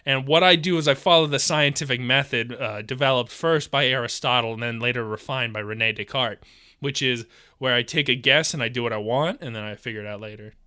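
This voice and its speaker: A young man co-hosting a podcast, chatting casually with deadpan, absurd jokes. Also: medium pitch, brisk, smooth, dry recording, studio quality. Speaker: podcast co-host. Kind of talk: casual comedic chat.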